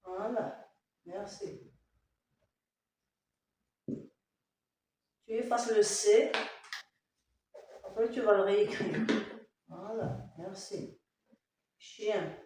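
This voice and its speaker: A woman's voice: mid-range voice, extremely slow, pauses often, mellow. A woman teaching a child in class, patiently correcting spelling and sounding out syllables. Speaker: primary school teacher. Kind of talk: dictation lesson with a child. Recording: echoey classroom, mic far off, faint noise.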